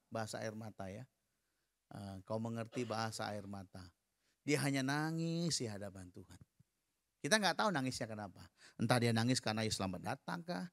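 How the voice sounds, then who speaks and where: A man's voice: medium pitch, dry recording, studio quality. A man preaching a sermon. He speaks to the congregation directly in a conversational way and leads them in reading aloud together. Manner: conversational, addresses the listeners directly.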